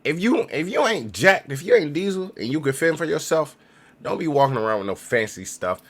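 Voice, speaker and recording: A man's voice: fairly high pitch, very animated, fairly quick, a bit bright. A young man giving casual travel tips in a vlog, talking in slang and acting out other people's lines. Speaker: travel vlogger.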